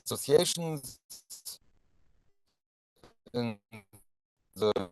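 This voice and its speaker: A man presenting at an online workshop over a video call, speaking in halting, broken phrases while his audio keeps cutting out. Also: mid-range voice, expressive, dark tone, poor audio. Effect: audio cutting out over a dropping video call.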